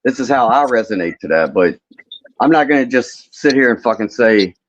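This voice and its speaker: A man's voice: medium pitch, lively intonation, moderate pace. A man in his fifties hosting a casual open-panel chat, blunt, profane and rambling. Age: 50s. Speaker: host of an open panel stream. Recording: muffled lo-fi audio.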